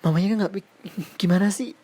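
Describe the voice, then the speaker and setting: A woman's voice: medium pitch, fast talker, mellow, husky. A woman commentating on a story from chat screenshots, reacting with indignant exclamations and mild swearing. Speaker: YouTube commentator.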